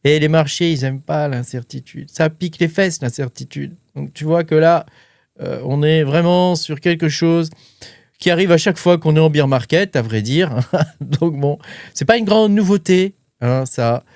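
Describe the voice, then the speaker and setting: A man's voice: fairly high pitch, normal speed, gravelly, a little mellow, no echo. Chatty man, dry close mic. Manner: chatty, informal, many fillers and asides. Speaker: crypto and mining channel host. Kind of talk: casual commentary to camera.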